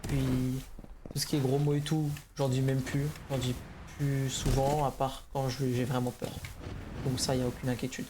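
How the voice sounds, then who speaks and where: A man's voice: medium pitch, flat delivery, moderate pace. A young man giving a casual, unscripted update to gaming viewers, hesitant and slightly nervous, often restarting his sentences. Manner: slightly nervous, neutral delivery. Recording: clear background noise, clicks.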